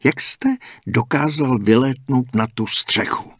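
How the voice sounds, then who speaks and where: A man's voice: mid-range voice, breathy edge, no echo, studio quality, pitched above the performer's own voice. A man voicing an exasperated young athlete. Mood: irritated, impatient. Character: impatient young male athlete. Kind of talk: audiobook character voicing.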